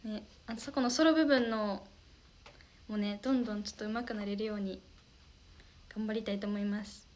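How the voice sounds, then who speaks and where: A woman's voice: medium pitch, fairly even intonation, moderate pace. A young woman hosting a casual livestream, reading viewer comments aloud in a bubbly, polite way and thanking them often. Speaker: idol livestream host.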